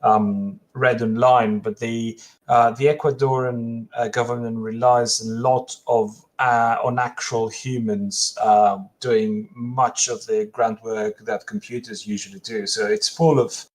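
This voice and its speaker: A man narrating a tabletop role-playing scene as game master, halting with many fillers and restarts. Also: mid-range voice, fairly even intonation, low-quality recording.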